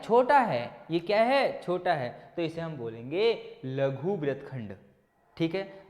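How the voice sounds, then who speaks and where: A maths teacher talks his students through a lesson in a slightly high voice. He keeps firing questions at the class and answering them himself. A long reverb trails behind him, as if he is in a roomy hall. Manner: motivating pep talk to students. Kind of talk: whiteboard exam-prep lesson.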